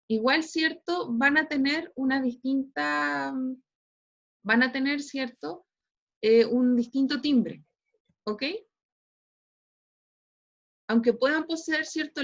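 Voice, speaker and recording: High-voiced Chilean teacher on a video call. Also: female voice, dull audio. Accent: Chilean Spanish. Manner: explains patiently, constantly tags phrases with "¿cierto?". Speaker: physics teacher. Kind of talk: online class lecture. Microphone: computer mic on a video call.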